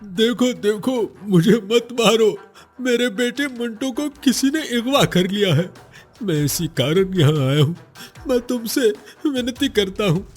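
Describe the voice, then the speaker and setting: Brief: man as an honest poor villager, emotional and begging, high-pitched. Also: a little slow, slightly rough, soft background music. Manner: pleading, emotional. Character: poor honest village father, desperate and pleading. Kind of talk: cartoon voice acting.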